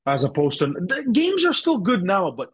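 A man's voice: high-pitched, huge pitch swings, moderate pace, breathy edge, dry recording. A young man chatting casually as a podcast guest, rambling with lots of fillers and restarts. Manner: rambling, heavy use of "like" and restarts. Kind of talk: casual chat.

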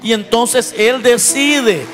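A man's voice: very high voice, slow, a bit bright. A man preaching a sermon in an emphatic way, asking his congregation questions as he goes. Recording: long hall reverb with faint music.

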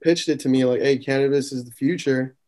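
A man's voice: medium pitch, fairly even intonation, a little fast, a little mellow. A man from San Diego, a podcast guest talking in an easygoing way over a video call. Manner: easygoing, says "bro" and "man".

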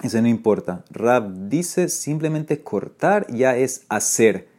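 Taking it slowly, a mid-range-voiced man gives a lively online explanation of the Gemara in a Talmud class. Hebrew and Aramaic terms pepper his speech, and his pitch climbs sharply as he quotes the rabbis.

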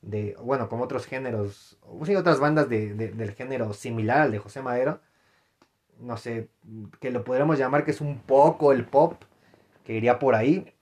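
A young adult man with a Mexican accent talks casually to his podcast listeners. His voice sits at a middle pitch. He rambles, restarts his sentences and drops in slang and fillers as he thinks aloud. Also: normal speed, darkish tone. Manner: rambling, frequent fillers and self-corrections, slangy. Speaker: podcast host. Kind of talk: casual solo podcast commentary.

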